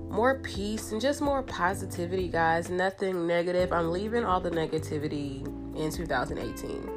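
Low-voiced woman, nasal and stuffed up. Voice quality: nasal, blocked nose. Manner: animated, informal girlfriend talk with emphatic repetition. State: congested with a cold, stuffy pinched-nose sound. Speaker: host of a gossip and girl-talk show. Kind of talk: casual chatty monologue to listeners.

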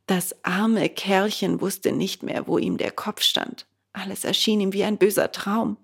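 A woman narrating a children's storybook in a steady, plain reading voice. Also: mid-range voice, a little slow, creaky, breathy edge.

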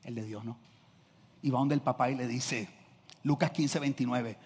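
A middle-aged man, preaching a sermon as a pastor, swinging from loud shouts to quiet asides. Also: medium pitch, normal speed, breathy edge. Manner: energetic, swings from shouting to quiet, acts out quotes. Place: church hall. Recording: long reverb of a large hall.

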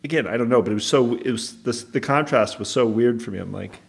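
A man's voice: medium pitch, quick pace, vocal fry. A young man co-hosting a podcast, talking in a casual, rambling way with many restarts. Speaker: podcast co-host. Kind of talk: casual chat.

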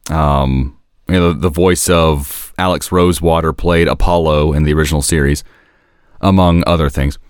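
Deep, smooth-voiced man discussing a show. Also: steady tone, normal speed, dry recording, studio quality. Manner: hesitant, searching for words, self-correcting. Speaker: podcast host discussing an animated series. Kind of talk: casual analytical discussion.

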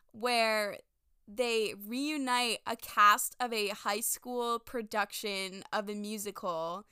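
Bright, clear-voiced woman podcast host. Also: on the high side, dry recording, clean studio sound. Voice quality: enthusiastic, chatty, giggly. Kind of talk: casual chat.

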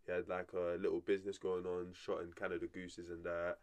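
A man's voice: low voice, monotone, fairly quick, a little mellow, smooth. A young man with a London roadman accent in a casual group discussion, using heavy slang and repeating phrases for emphasis.

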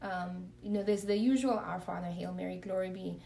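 Speaking fairly quickly in a lowish, gravelly and dark-toned voice, a nun from Kenya earnestly gives her testimony and a spoken prayer in an interview. Her tone stays steady and reflective. She is a bit far from the mic, and there is a little hiss or hum.

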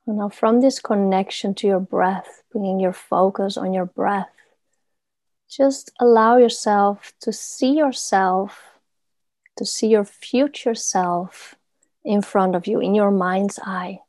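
Slow, soothing, murmuring woman guiding meditation. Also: mid-range voice, fairly even intonation, no echo. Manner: soothing, gentle massage-like murmur with pauses. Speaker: guided meditation teacher. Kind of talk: guided body meditation, soft instruction.

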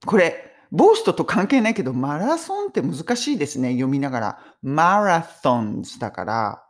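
Japanese lady teaching english, chatty and animated, voice jumps up and down a lot. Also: low-pitched, moderate pace. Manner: chatty, animated storytelling with laughs. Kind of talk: casual English lesson.

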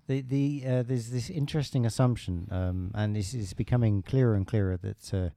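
A man's voice: lowish voice, moderate pace, creaky, mellow, dry recording. A middle-aged British man talking in a casual podcast conversation, hesitant with many restarts and fillers. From Britain.

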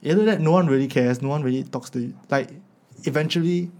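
Talking fast in a fairly high, darkish voice, this Singaporean man in his twenties, a university student and podcast speaker, hands out casual advice. His colloquial Singlish is sprinkled with particles such as lah and meh.

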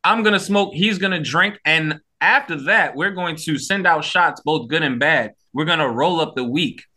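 A man co-hosting a casual podcast, laid-back and rambling, swearing casually and a bit high. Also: normal speed, bright, forceful tone. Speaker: podcast co-host.

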